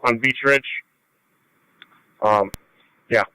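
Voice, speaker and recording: A man's voice: medium pitch, extremely slow, bright, forceful tone, clear, resonant tone, no room sound, low-quality recording. A man reporting as an emergency responder over a police and fire two-way radio.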